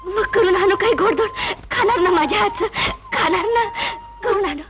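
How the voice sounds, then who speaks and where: A woman's voice: extremely high pitch, normal speed, highs cut off. An actress playing a poor village woman who weeps and pleads, in an old film drama. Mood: tender, tearful. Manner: weeping, pleading. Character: poor village woman, tender then fierce. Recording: old film soundtrack with music.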